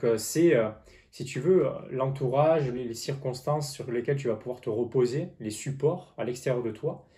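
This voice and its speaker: A tarot card reader, a man with a medium-pitched, dark voice, gives an informal forecast directly to the viewer. He explains hesitantly, repeats phrases, and has a slight lisp on his s sounds.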